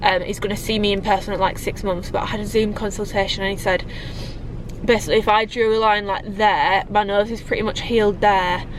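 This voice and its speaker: Speaking fairly quickly and with a flat delivery, a British woman in her twenties vlogs casually to camera, leaning on plenty of likes and ums. She's a fitness vlogger with a slightly blocked nose from a cold, filming in a parked car as well as at home. Her pitch is medium, and the background is noisy.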